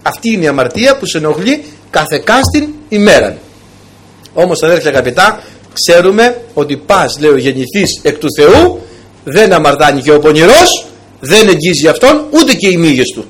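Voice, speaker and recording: Husky, high-voiced, animated male preacher. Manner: emphatic, storytelling delivery with a direct address to the congregation. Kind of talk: sermon.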